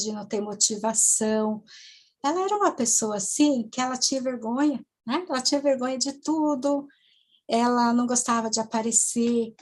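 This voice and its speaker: A woman, a hypnotherapist telling a client's story in a halting way, full of tag questions and restarts. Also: a little high. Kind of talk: storytelling lecture to students.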